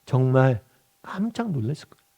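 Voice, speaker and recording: A man's voice: mid-range voice, sing-song, brisk, warm tone, slightly rough. A middle-aged male pastor leading a weekly Bible study, talking conversationally, asking the group questions and acting out quotes. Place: church meeting room.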